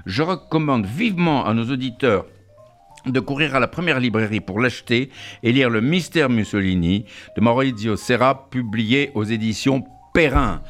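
Male radio host, formal studio introduction, some fillers, soft music bed. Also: mid-range voice. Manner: formal, reads a long guest introduction with fillers.

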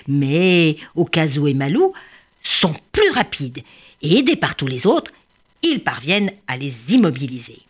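A woman storyteller narrating a children's tale in a lively, expressive way. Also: mid-range voice, slightly rough.

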